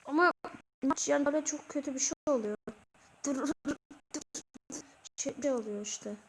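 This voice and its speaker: A teenage girl hosting her own channel, giving casual commentary over a football video game, shouting excitedly at goals and misses. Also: high voice, moderate pace, background noise. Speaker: gaming channel host.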